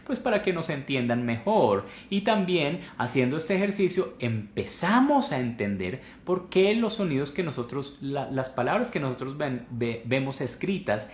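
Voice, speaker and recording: A man's voice: medium pitch, sing-song, normal speed, hardly any pauses, reverberant, a little hiss or hum. A man teaching English pronunciation in a live online class, explaining and repeating words over and over to demonstrate the sounds.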